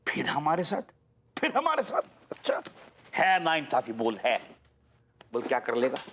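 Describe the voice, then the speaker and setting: A man's voice: mid-range voice, huge pitch swings, moderate pace, fairly bright tone, slightly rough, heavily acted. An actor playing a boisterous, doting older father who tears up over his daughter and mocks his son-in-law, theatrical in delivery. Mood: mocking. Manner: theatrical, swings from tearful to mocking. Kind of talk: sitcom acting.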